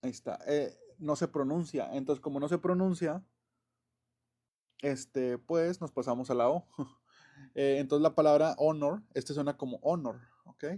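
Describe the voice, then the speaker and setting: Speaking at normal speed in a fairly high, warm voice, an English teacher loosely explains grammar in a casual classroom manner. He chats along with many fillers, corrects himself often, and lets out small chuckles.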